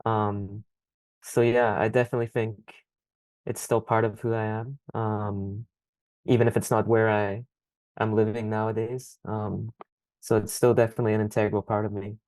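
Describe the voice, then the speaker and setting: A young man answering interview questions thoughtfully, pausing often with ums. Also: on the low side, little pitch movement, darkish tone, no room sound. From Scotland. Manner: thoughtful, hesitant, frequent ums. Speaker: podcast guest.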